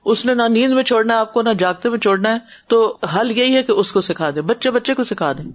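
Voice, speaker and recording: A woman religious teacher giving a class and answering questions in an earnest, advising way, mixing in English words. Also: fairly high pitch.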